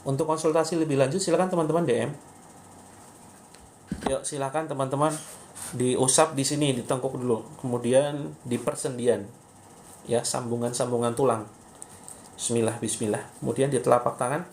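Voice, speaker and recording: A man coaching viewers through a live-streamed faith healing session, guiding them step by step and praying, with sudden loud commands. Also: mid-range voice, steady tone, moderate pace, pauses often, a little hiss or hum.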